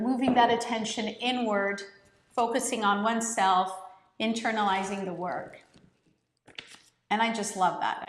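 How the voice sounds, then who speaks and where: A woman's voice: a little high, fairly bright tone. A woman giving a conversational, step-by-step lesson in meditative breath counting, as an encouraging yoga breathing teacher. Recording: roomy, echoing space.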